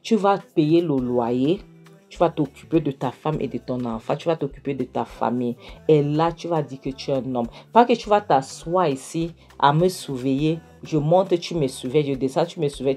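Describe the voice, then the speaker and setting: A woman voicing a defiant wife in a retold film, scolding her husband and demanding he understands, in a low dark voice. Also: moderate pace, faint music behind. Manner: scolding, repeats "est-ce que tu as compris?".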